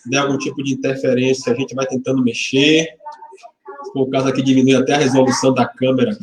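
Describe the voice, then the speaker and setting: A man's voice: mid-range voice, level tone, fast. A man of about forty from Salvador, a pastor who chats casually with a livestream audience and leads a prayer. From Salvador, Bahia, Brazil. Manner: chatty and informal, greeting viewers by name, joking lightly. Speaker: pastor leading the service. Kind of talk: livestreamed church service, greetings and prayer. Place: church hall. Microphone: webcam microphone. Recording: roomy webcam sound.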